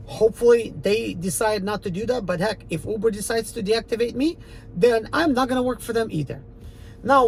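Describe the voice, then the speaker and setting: A mid-range-voiced rideshare driver originally from Ukraine, in the former Soviet Union, rambles defiantly and emphatically to a channel audience in his Eastern European accent, using many fillers. It's a low-quality recording with slight background noise.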